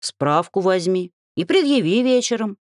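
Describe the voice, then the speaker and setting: A woman performs a blunt, teasing young male half-gnome, giving him a grumbling delivery. Her mid-range voice is animated, a little mellow and moderately paced, pitched above her own voice but close to everyday speech. The studio recording is clean and dry.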